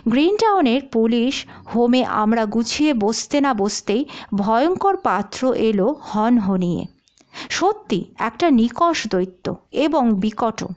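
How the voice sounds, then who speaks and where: A woman narrating a detective story in an expressive audiobook style. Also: on the high side, slow pace, dull audio.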